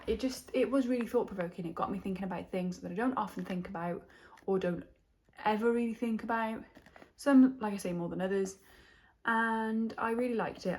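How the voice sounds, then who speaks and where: In her relaxed reading vlog, this book vlogger from Wales, a young woman, talks through her reflections on a book, frequently losing a thread and beginning again. She speaks at a medium pitch with a slightly mellow tone.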